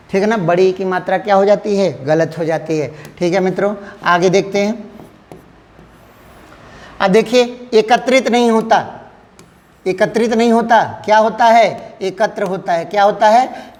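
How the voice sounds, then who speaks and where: A man's voice: sits high, darkish tone, long reverb tail. A male teacher giving an exam-prep lesson, who keeps asking the class questions and answering them himself.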